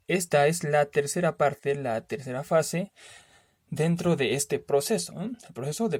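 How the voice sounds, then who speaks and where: Working through a spelling lesson, a male teacher explains slowly and patiently, repeating key terms and often tacking on a quick questioning tag to check understanding. His voice is a little high with a darkish tone, recorded close and dry.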